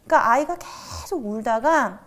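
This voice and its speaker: A woman's voice: on the high side, animated, normal speed. A middle-aged woman telling a personal story in conversation as a guest, acting out the quoted dialogue vividly. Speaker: church talk show guest.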